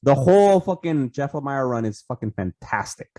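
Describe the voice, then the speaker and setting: A man's voice: medium pitch, sing-song, moderate pace, warm tone, dry recording. A man co-hosting a casual podcast over a video call, rambling with lots of restarts, fillers and swearing. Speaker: podcast co-host.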